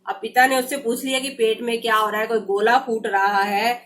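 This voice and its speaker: A woman's voice: a little high, flat delivery, normal speed, a bit bright, slight background noise. A woman teacher explaining a textbook story, retelling each passage in loose everyday speech with many fillers.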